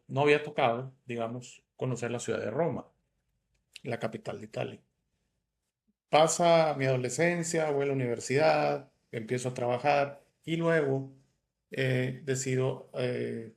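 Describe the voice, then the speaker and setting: A man from northern Italy, the host, telling a personal story in a reflective, casual way. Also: mid-range voice. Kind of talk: casual chat.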